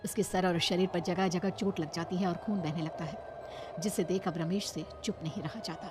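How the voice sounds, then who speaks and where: A woman tells a horror cartoon story with dramatic narration at a mid pitch. Clear music plays behind her throughout. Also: fairly even intonation, normal speed.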